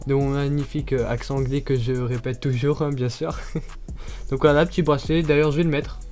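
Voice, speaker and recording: A man talking his way through an unboxing in a loose, chatty vlog style, his voice sitting at an ordinary middle pitch. He pauses and fills gaps with hesitant fillers, and soft music plays faintly behind him. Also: fairly even intonation. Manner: chatty, hesitant with many fillers, laughs often. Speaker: YouTuber unboxing products.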